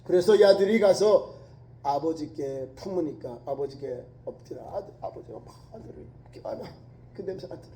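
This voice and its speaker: A male pastor preaching a sermon, telling a story with emphasis and dropping from loud to hushed. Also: on the high side, lively intonation, normal speed, slight background noise. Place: church sanctuary. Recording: echoey church hall.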